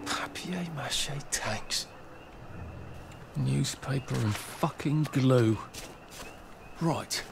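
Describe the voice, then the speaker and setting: A man's voice: mid-range voice, extremely slow, vocal fry, pauses often. Wry british game hero guy, grumbling to himself, mid voice, noisy ambience. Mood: sardonic. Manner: wry, exasperated, muttering. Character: grumbling, sardonic adult male game protagonist muttering to himself.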